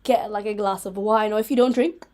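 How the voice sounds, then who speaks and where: A young woman hosting a casual solo live stream chat, rambling through tangents with lots of "like", giggling and getting excitable. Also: medium pitch, fairly quick. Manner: rambling, full of "like", tangents and self-interruptions.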